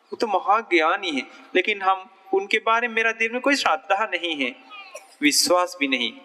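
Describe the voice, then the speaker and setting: A man's voice: fairly high pitch, pushed and bright, long reverb tail. A male Buddhist monk telling a story in a sermon, in short simple phrases, and chanting a verse.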